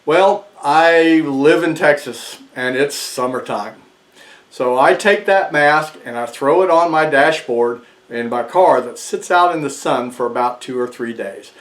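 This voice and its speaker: A man's voice: fairly high pitch, measured pace. An American man in his sixties giving a casual explanatory talk to camera. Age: 60s. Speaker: video presenter. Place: small furnished room indoors, seated in armchair. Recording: echoey small room.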